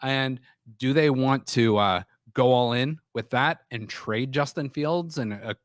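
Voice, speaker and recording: In a small studio, a man hosts a sports talk show with a scratchy, sore-throated voice that sits mid-range and moves a little slowly. He rambles and keeps restarting, and the recording is dry and clean.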